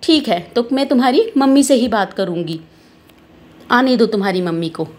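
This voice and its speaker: A caring mother in a doll story, voiced by a woman, asking the children pointed questions about their fight. Her high voice is concerned but firm. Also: normal speed, a little mellow, lightly acted.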